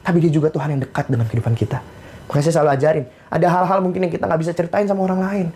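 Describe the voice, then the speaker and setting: Fast-talking young male pastor. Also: a little high. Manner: conversational, slangy, animated storytelling. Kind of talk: casual sermon.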